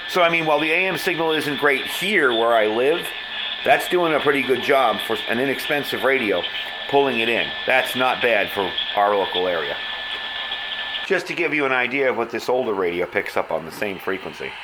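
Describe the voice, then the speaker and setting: Sitting at a tabletop in a small indoor room, a man gives a casual, hands-on product review in an informal, conversational style. His mid-range voice is lively and brisk, and background room noise is clearly audible.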